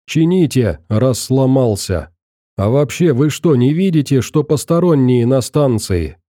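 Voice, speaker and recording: A man voicing a pompous, fussy male station boss who talks in a shrill, indignant, bossy way. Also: expressive, unhurried, mellow, no room sound, studio quality, lightly acted.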